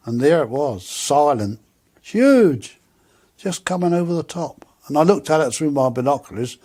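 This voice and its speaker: A man's voice: medium pitch, a little mellow. An older man, telling a personal story animatedly and acting out the dialogue. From England. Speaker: UFO contactee.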